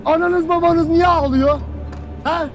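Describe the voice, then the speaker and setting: An actor playing a stern army captain who berates his soldiers with harsh scolding and sudden shouts. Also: very high voice, steady tone, unhurried, soft background music. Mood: berating. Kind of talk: film drama acting.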